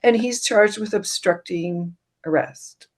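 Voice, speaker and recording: A woman's voice: medium pitch, slow pace, darkish tone. A middle-aged woman from Canada, a guest author and former journalist, talking earnestly in a casual podcast conversation with many ums.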